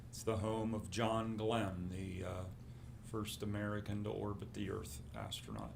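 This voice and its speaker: Gravelly older man with halting speech. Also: on the low side, noisy background. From Ohio. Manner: halting, with many fillers and restarts. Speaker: guest basketball coach. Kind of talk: casual interview.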